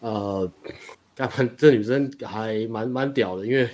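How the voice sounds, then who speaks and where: A dating coach, young and male, speaks in a mid-range, somewhat mellow voice while casually telling a story. He races through it, wandering off track, starting over repeatedly and laughing.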